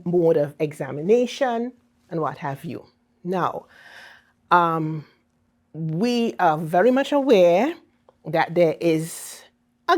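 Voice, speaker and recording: An ambassador from Saint Vincent and the Grenadines explains things in an interview with a Vincentian accent, teacherly and emphatic, often checking in with "okay?" and "right?". Her voice is on the low side with a darkish tone.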